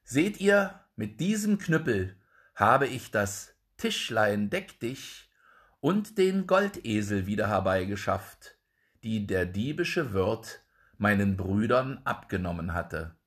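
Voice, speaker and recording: A man voicing a confident young craftsman son in a calm, measured way, close to his own voice. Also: on the low side, full character voice. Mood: firm.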